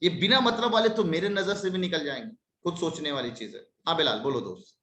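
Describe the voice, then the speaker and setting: Animated male teacher in echoey room. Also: fairly high pitch, fairly quick. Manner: lively, scolding in jest. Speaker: maths teacher. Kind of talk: live online class.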